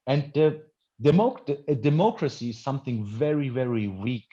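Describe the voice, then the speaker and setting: An Iranian-born film director who feels more German than Iranian answers questions at a festival Q&A, speaking English as a non-native with earnest emphasis and halting, repeated word starts. His medium-pitched voice is expressive and warm, captured on dull, lo-fi audio.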